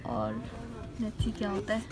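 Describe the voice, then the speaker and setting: A woman's voice: medium pitch, little pitch movement, measured pace, vocal fry, noisy background. A young woman vlogging casually, chatting playfully with her viewers. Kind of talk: casual vlog chat to camera.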